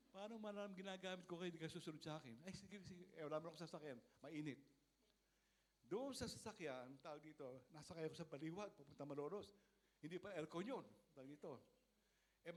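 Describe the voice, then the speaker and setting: A man with a Filipino accent, a pastor preaching a sermon, telling stories with animated acted-out dialogue and laughter. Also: fairly high pitch. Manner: animated storytelling, acting out dialogue, frequent laughs. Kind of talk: sermon with storytelling.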